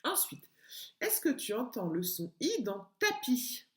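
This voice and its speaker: Slow, lilting teacher voice for small kids; a woman, home lesson, echoey room. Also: fairly high pitch, big pitch swings, a bit bright. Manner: slow, sing-song, stretching out sounds for small children. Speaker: kindergarten teacher. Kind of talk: home-schooling lesson video for young children.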